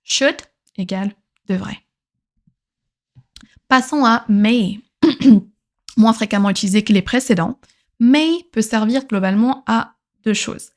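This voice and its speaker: A woman's voice: on the high side, slow, pauses often. A woman from France giving a patient grammar lesson, repeating each example twice and then translating it. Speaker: English teacher.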